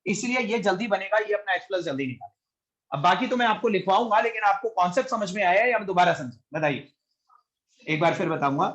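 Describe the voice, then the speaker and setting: A man's voice: sits high, a bit bright, lo-fi sound. Man teaching chemistry step by step. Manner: explains step by step, often checks if students follow; mixes English science terms into Hindi. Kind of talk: classroom lecture with online students.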